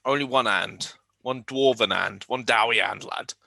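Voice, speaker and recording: A proud, surly dwarf warrior, played by a man in a tabletop game. The voice is gritty and forceful, taking its time over blunt retorts, in a dry recording. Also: medium pitch, unhurried, vocal fry, dry recording, heavily acted. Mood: gruff, proud. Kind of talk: tabletop role-play in character.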